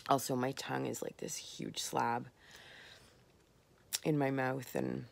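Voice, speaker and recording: A woman talking candidly in a late-night personal vlog, tired and slurring her words, rambling with soft pauses. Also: very deep voice, flat delivery, gravelly. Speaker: vlogger.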